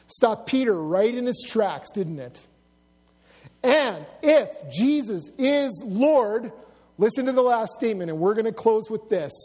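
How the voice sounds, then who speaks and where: A middle-aged pastor preaches in a high-pitched voice, hitting key words hard before sinking into a low, hushed intensity. His sermon echoes through a church hall with a long reverb tail, and he tells humorous stories that draw laughs.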